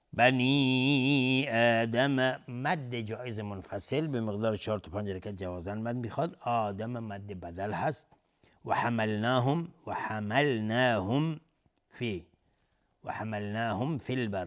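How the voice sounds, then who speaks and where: A man teaching Quran recitation rules in Persian, chanting each verse slowly and then explaining the pronunciation rules quickly. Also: medium pitch. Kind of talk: Quranic recitation and tajweed lesson.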